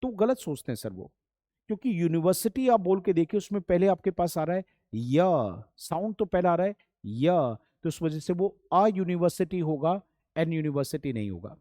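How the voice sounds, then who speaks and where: A man with a slightly high, very animated voice teaches an English grammar lesson at a moderate pace, his tone warm. He is patient and repeats his points, addressing the students as children and calling them "beta" and "bachhon." The studio-quality recording is dry, with no echo.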